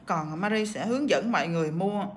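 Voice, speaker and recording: A woman's voice: lowish voice, fairly quick, slight background noise. Chatty woman teaching nail art with a cough. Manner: chatty, reads out viewer comments. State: sick with a cough. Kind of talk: livestream nail tutorial. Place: desk in a nail workshop.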